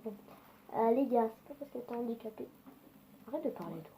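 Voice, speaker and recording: A woman chats her way through a gameplay session, swearing freely and talking straight to her viewers. Her voice sits a little high with a soft, mellow tone. A faint noise runs under the recording. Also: animated, fairly quick, poor audio. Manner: chatty and foul-mouthed, talking to viewers. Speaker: gaming video creator. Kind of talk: casual gameplay commentary.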